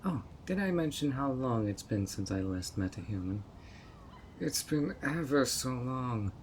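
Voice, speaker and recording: In an audio roleplay, a man voices a sweet but obsessive male fairy hosting a tea party, coaxing his guest in a honeyed, playfully sly way that feels sweetly scheming. His mid-range voice is animated, a little slow, and close to everyday speech, with a little hiss or hum in the audio.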